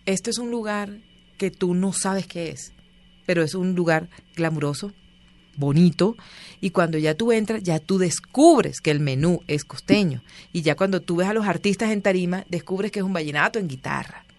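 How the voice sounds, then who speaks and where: A woman's voice: lowish voice, moderate pace. A woman, a guest telling stories in a casual interview and acting out the voices of the people she quotes. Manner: animated, acts out quoted voices.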